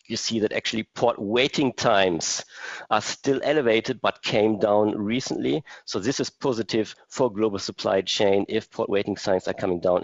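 A man giving a live market briefing as an investment strategist, with a halting delivery full of pauses. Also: low voice, no room sound. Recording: dull lo-fi webcast audio.

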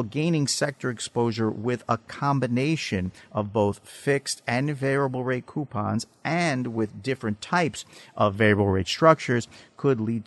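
A man giving explanatory market commentary as a guest analyst, technical and measured, with some hesitancy. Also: mid-range voice, no room sound. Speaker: financial research analyst guest. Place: studio.

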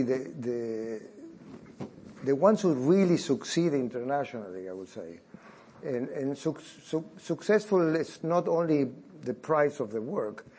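Husky man. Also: medium pitch, a little mellow. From Argentina. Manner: hesitant, restarting phrases with frequent "uh". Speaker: private art collector, guest. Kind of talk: conversational storytelling on a panel.

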